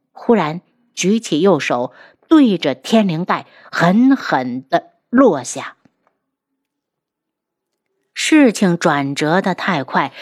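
A woman narrating a martial-arts web novel in a steady, unhurried storytelling manner. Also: fairly low pitch, dry recording, studio quality. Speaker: audiobook narrator.

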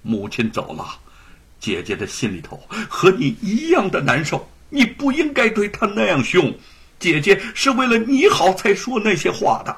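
A man doing a gentle soothing young wife. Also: sits high, wildly swooping pitch, normal speed, breathy edge, voice pushed up, exaggerated voice. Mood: coaxing. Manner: soft, tender, coaxing.

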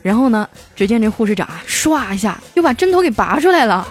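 A woman hosting a comic storytelling podcast, chatty and lively, stretching out her sentence endings. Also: fairly high pitch, fast talker, soft background music. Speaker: host.

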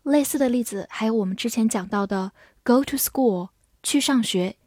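In a scripted lesson, a woman whose first language is Chinese teaches English words, spelling them out letter by letter and reading example sentences slowly. Her slightly high voice has a darkish tone, recorded in a clean studio with no echo.

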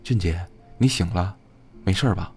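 A man's voice: fairly low pitch, lively intonation, quick pace, faint music behind. A man voicing an earnest young man who sounds hesitant and embarrassed.

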